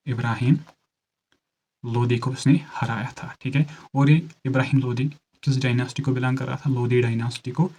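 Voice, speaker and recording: A man teaching an exam-prep lesson, speaking slowly and repeating key answers so students can take notes, and quizzing them as he goes. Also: medium pitch, darkish tone, poor audio. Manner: slow and deliberate, repeats key answers for note-taking. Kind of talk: exam-prep lecture mixing Hindi and English.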